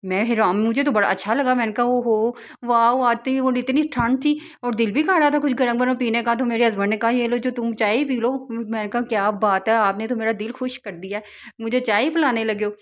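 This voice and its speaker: A young woman narrating her family outing in a relaxed vlog, chatting and laughing often as she tells it. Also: a little high, fairly quick. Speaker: vlogger, mother.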